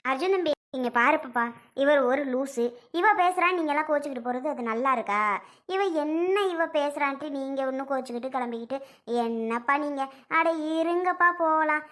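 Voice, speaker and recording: A woman's voice: high voice, a bit bright. A woman playing a bossy middle-aged aunt who scolds and persuades a young father in a family skit. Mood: persuasive. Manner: scolding and persuasive, rapid and insistent.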